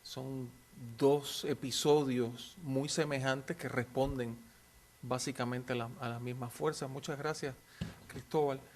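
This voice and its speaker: A man's voice: mid-range voice, fairly even intonation, measured pace, a little mellow. A man, lecturing informally and answering questions in an anecdotal way, often seeking agreement with short tag questions.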